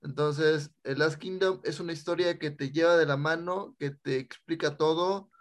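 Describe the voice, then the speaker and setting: A man, co-hosting a casual chat, laid-back and quick to laugh. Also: fairly high pitch. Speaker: podcast co-host.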